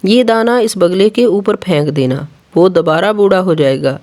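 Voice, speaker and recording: A storyteller voicing a wise magical kite bird in a children's animated story, calm and knowing. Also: mid-range voice, normal speed, dry recording, lightly acted.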